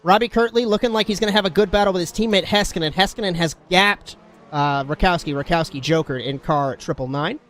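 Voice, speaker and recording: Guy doing race play-by-play, high voice, gets loud and excited. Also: quick pace. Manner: excitable, shouts at big moments. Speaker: play-by-play commentator. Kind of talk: race commentary.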